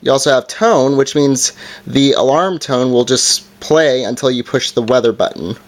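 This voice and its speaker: Indoors, a man gives an informal, hands-on product review, explaining things casually. His voice is medium-pitched and moves at normal speed, with background noise and handling clicks in the recording.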